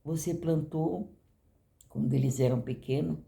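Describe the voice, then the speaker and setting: A woman's voice: low voice, a little slow, creaky, mellow. An older woman giving a personal testimony in church, talking conversationally to the congregation and often asking "you know?".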